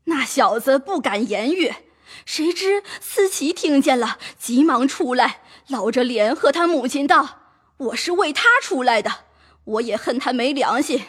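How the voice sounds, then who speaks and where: A woman's voice: high-pitched, lively intonation, a little slow, a bit bright, husky, heavily acted. A woman playing a servant woman who pleads with her mistress and tells a long sad story. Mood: pleading. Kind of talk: audio drama acting.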